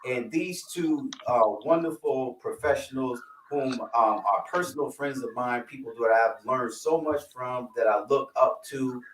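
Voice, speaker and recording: A man's voice: mid-range voice, a little slow, few pauses, slight background noise. A man co-hosting a podcast, chatting playfully in slang before introducing his guests over a video call. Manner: animated, playful, lots of slang and fillers. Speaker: podcast co-host. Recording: echoey, distant from the mic.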